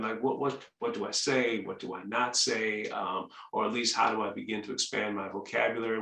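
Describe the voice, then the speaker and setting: A man's voice: fairly low pitch, creaky, a bit bright, echoey room. A man hosting a webinar interview, chatty, reading out audience questions and restarting his sentences often. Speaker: host.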